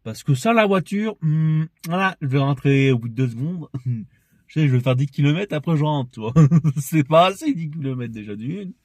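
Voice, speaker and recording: A man's voice: on the high side, animated, normal speed, darkish tone, no room sound. A young man talking in a casual, rambling monologue that is full of swearing and laughter, and that sometimes turns into heated ranting. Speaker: vlogger.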